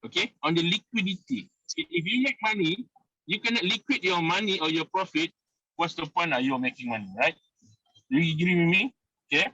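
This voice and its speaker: Man pitching over car speakerphone. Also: a little fast, sharp tone, slightly rough, dry recording. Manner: persuasive, keeps repeating "okay" and key points. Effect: speakerphone call from a moving car. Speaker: investment group leader. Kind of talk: sales pitch on a video call. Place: inside a car while driving. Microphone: phone or car speakerphone on a video call. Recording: dull lo-fi call audio.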